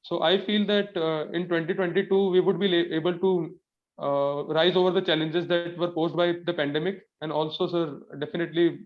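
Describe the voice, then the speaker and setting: A man's voice: on the high side, fairly even intonation, moderate pace. Nervous young Indian man in a formal interview. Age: young adult. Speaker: civil service candidate in a mock interview. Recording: dull lo-fi audio.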